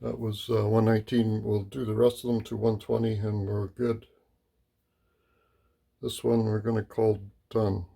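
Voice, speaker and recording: A man with a gravelly voice explaining machining step by step in short, casual phrases, as a machinist demonstrating at work. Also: fairly low pitch, level tone, a little slow, dark tone. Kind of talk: casual hands-on shop explanation. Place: machine shop.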